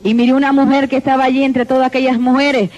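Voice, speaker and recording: A woman's voice: sits high, flat delivery, fast, a little mellow. A woman giving a fervent church testimony, repeatedly calling out to the congregation. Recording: dull lo-fi recording.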